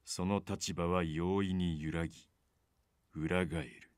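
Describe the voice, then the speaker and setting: Male actor as game villain, criminal mastermind, low-pitched, slow theatrical menace, calm, dry studio sound. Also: dry recording, natural voice. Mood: smug, theatrical. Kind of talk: Japanese visual novel game voice acting.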